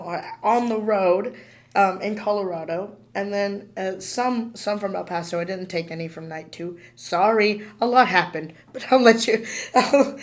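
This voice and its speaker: A woman co-hosts a podcast in a hoarse, squeaky voice. She chats loosely and giggles, stumbling through fillers and restarts as she talks. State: hoarse, squeaky from dust allergy. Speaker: podcast co-host. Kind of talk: casual chat.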